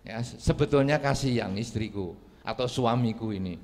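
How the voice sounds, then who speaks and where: A man's voice: mid-range voice, normal speed, a little mellow. A man with a Javanese accent giving a Buddhist sermon, telling stories animatedly and acting out quarrels in different voices. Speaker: Buddhist monk giving a dharma talk. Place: large hall with audience. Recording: long hall reverb.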